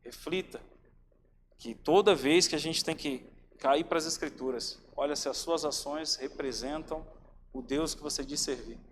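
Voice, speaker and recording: Male preacher, casual sermon delivery, slightly high voice, long church reverb. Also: measured pace. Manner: informal, addresses listeners as "cara" and "irmãos". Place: church hall. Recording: reverberant church hall, faint ambient noise.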